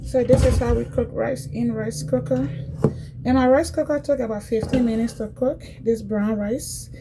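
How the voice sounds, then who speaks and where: A woman with a slightly high voice, fairly even intonation and moderate pace is heard in a very noisy clip. She's a cooking vlogger from Liberia in West Africa, showing a dish in her home kitchen and chatting to viewers, repeating herself often.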